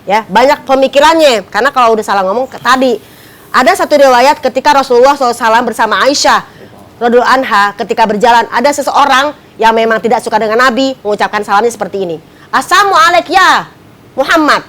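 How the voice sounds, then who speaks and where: Animated high-voiced woman preacher. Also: racing. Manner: animated, acts out quoted wives with high teasing voices. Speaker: ustazah, religious speaker. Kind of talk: lively preaching on a morning TV religious show.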